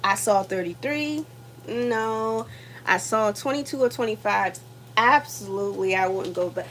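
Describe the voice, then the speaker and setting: A worn-out woman vlogger in her thirties chats with viewers as she cooks at home, with food sizzling in a pan. Her medium-pitched voice is expressive and a little slow, and her talk rambles, packed with fillers.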